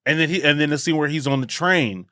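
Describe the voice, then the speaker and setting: A man co-hosting a podcast, easygoing in casual chat and quick to agree. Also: a little high, pushed and bright, no echo, clean studio sound. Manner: easygoing, lots of agreeing fillers. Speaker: podcast co-host.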